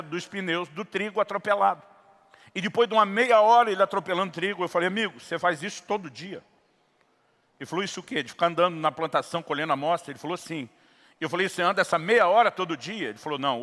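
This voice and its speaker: A Brazilian man with a São Paulo accent, preaching a sermon, telling a story in dialogue and rising to shouts. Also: sits high, long reverb tail. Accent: Brazilian Portuguese, São Paulo. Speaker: pastor.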